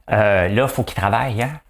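Rambling Quebec man, lowish voice. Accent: Quebec French. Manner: rambling, animated, many fillers and repeated words. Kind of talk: comedic political monologue.

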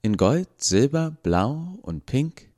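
A man's voice: mid-range voice, sing-song, takes it slowly, mellow, voice pushed up. A man playing a brusque woman professor. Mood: commanding. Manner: clipped and commanding.

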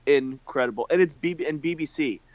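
A man's voice: a little high, fairly quick, no room sound. A man co-hosting a podcast in casual banter, teasing his partner and swearing casually. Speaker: podcast co-host. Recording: dull lo-fi sound.

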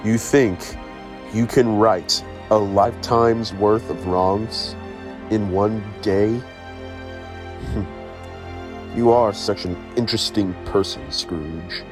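A man voicing a stern, mocking ghost who passes judgment slowly. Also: over music. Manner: slow, deep, taunting. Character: stern male final ghost, mocking judge.

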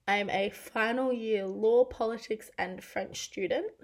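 An Australian woman in her twenties hosts a casual solo podcast, chatty and self-deprecating. Her voice is croaky and raspy, half gone after losing it this week. It sits on the high side, and she talks a little slowly.

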